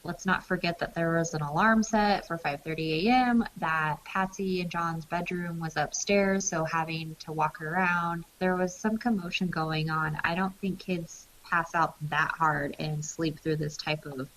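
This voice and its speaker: Lower-voiced woman co-hosting, faint hiss. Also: steady tone, a little slow, few pauses, fairly bright tone, rough recording. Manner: reflective, agreeing commentary. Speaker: podcast co-host. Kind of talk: true crime podcast discussion.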